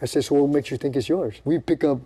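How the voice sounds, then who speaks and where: Older man, martial arts instructor, relaxed warm tone, casual teaching talk, acts out quotes. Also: a little high, quick pace, breathy edge. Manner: demonstrates moves while talking, acts out quoted people.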